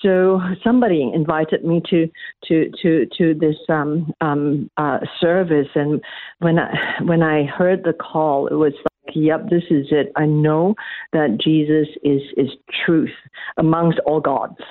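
This interview guest, a middle-aged Malaysian academic, speaks in a low voice with fairly even intonation at a measured pace. She hesitates and keeps restarting her answers. The phone line sounds tinny, with no room sound.

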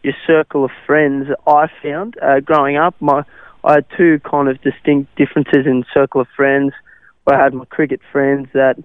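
Over a tinny, phone-style radio connection, a young man answers an interviewer's questions with hesitation and frequent fillers. He's a South African cricketer, an Afrikaans first-language speaker with an Australian accent, and his medium-pitched voice is level, smooth, normal in speed and free of echo.

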